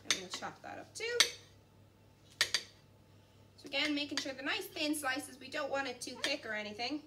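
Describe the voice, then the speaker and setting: Chopping and mixing as she goes, a young cooking instructor in her twenties keeps up a chatty, encouraging demonstration in a big kitchen. She speaks at normal speed in a high, animated voice. The mic is a camera set at a distance, and there's faint background noise.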